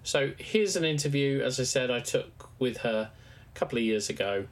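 A man hosts a solo podcast in an English West Country accent. He explains his subject directly to the listener. His voice sits at a medium pitch. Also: animated, moderate pace. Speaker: podcast host.

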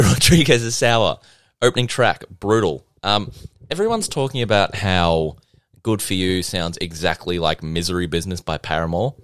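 A man's voice: low-pitched, fairly bright tone, no room sound, clean studio sound. A young man casually reviewing an album in a chatty, rambling, self-deprecating way, full of ums and likes. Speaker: music reviewer.

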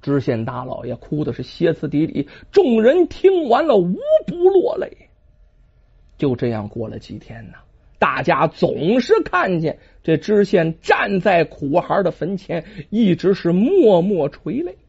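Dramatic storyteller with gravelly fry. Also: medium pitch, wildly swooping pitch, measured pace, darkish tone. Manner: dramatic, exclaiming with sung-out sentence endings. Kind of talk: traditional oral storytelling. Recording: dull lo-fi recording.

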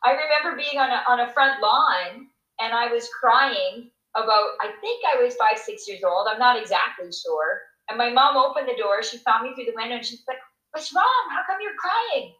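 A middle-aged woman from Canada tells a story from her childhood in a slightly high voice, lively and conversational, often tossing in "right?" and acting out what people said. The sound is roomy, with noticeable echo. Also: moderate pace, lo-fi sound. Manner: animated, acts out quoted voices with big pitch jumps, frequent "right?". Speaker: motivational speaker.

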